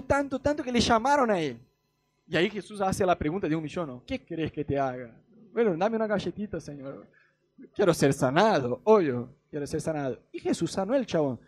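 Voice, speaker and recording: A young Argentine man preaching in a loose, joking way, slipping into quick character voices to act out the Bible. His voice sits high yet mellow, with a husky edge. The sound is close and dry. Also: no echo. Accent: Argentine Spanish. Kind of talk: casual humorous sermon.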